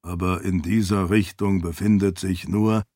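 A man's voice: low-pitched, fairly even intonation, measured pace, a little mellow, no room sound, studio quality, voice pushed down. A man voicing a polite, wry male spirit servant in an audiobook, speaking with formal deference. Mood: dry, deferential. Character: dry-witted male spirit servant, a floating light.

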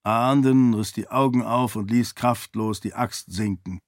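A male audiobook narrator tells the story at a slow, measured pace. His voice sits in a middle pitch. The recording is dry and close. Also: fairly even intonation, no room sound. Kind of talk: scripted narration.

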